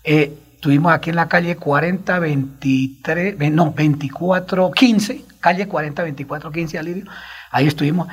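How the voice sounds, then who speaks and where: A man's voice: on the high side, normal speed, husky. A Colombian man on a radio talk show, telling stories in an agitated, rambling way and repeating himself.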